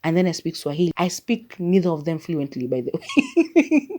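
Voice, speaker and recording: Her voice low and darkish, with wildly swooping pitch at a normal pace, a woman rambles chattily through her casual solo podcast. She speaks with a Kenyan accent, Maragoli is her first language, and "like" keeps popping up as filler.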